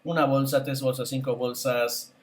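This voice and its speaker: A man teaching English vocabulary in a patient lesson, repeating words slowly for pronunciation drills. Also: mid-range voice, level tone. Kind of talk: spoken grammar and pronunciation lesson.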